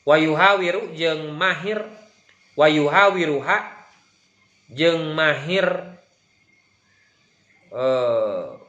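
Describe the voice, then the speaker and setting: Male religious teacher, Sundanese accent, bright and fairly high voice, echoey room, explains a text line by line. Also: extremely slow, long pauses, dull audio. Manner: translates Arabic text phrase by phrase, mixing Indonesian and Sundanese. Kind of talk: religious study lecture.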